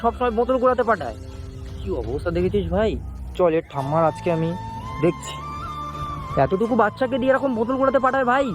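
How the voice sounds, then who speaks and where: High-voiced man coaxing a child. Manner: coaxing, soothing, emotional asides to a friend. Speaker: vlogger. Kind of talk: street vlog talking to a child. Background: music.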